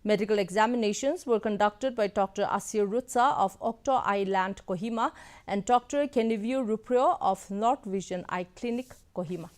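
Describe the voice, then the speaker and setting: A woman's voice: medium pitch, moderate pace, darkish tone. A woman reading scripted news as an anchor in a formal manner.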